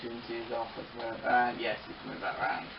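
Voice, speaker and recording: A model railway hobbyist chats casually about his trains, now and then bursting into playful mock race commentary. His medium-pitched voice is brisk and creaky with little pitch movement, heard in an echoey room on a lo-fi recording with background noise.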